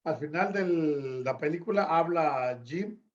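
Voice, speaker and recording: A man's voice: fairly high pitch, lively intonation, slow pace, slight background noise. Earnest man on a dull, lo-fi line. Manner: earnest, restarts phrases. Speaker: guest. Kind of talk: casual discussion.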